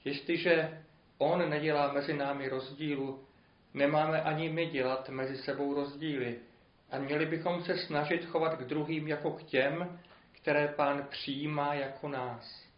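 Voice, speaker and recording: A man preaches and tells a parable in a measured, earnest voice that rises for emphasis. His voice is fairly high for a man. The recording is echoey and a little muffled, with limited clarity. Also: fairly even intonation. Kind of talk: sermon with a told parable. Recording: roomy, dull lo-fi recording.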